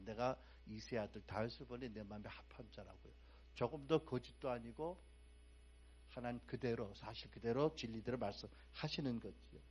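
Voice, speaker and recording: Animated Korean male preacher. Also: medium pitch. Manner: animated, swings from soft asides to loud emphatic outbursts; asks the congregation frequent rhetorical questions. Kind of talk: sermon.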